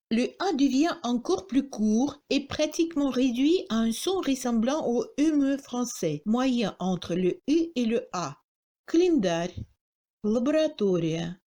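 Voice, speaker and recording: A woman's voice: on the high side, warm tone. A woman with a Russian accent, a native Russian speaker, giving a scripted pronunciation lesson and sounding out example words carefully. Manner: slow, careful, articulating example words one by one. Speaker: language teacher.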